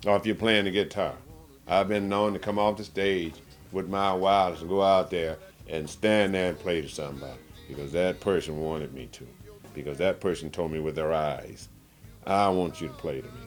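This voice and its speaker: A blues singer and guitarist talks in a casual interview, speaking emphatically, colloquially and demonstratively. His voice is deep and his speed normal.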